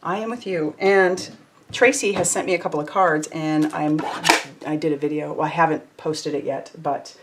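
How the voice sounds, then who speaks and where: Woman, lower pitch, chatty, effusive, craft livestream host. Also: steady tone, moderate pace, very noisy. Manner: chatty, reads out viewer comments, warm and effusive. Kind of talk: casual live chat while crafting.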